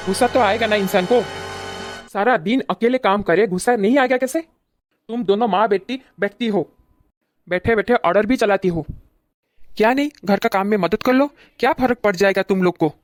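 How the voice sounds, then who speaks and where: A woman's voice: mid-range voice, normal speed, long pauses, dry recording, faint music behind, close to an everyday voice. A woman playing an irritated brother who bluntly scolds his mother and sister, in a comedy skit.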